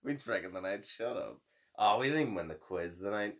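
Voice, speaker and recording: A man's voice: lowish voice, animated, fairly quick, a bit bright. A young man, co-hosting a podcast with teasing, sarcastic, sweary banter. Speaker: podcast co-host. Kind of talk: casual banter.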